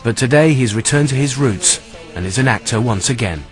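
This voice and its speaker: A man giving measured, scripted documentary narration. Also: mid-range voice, animated. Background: music.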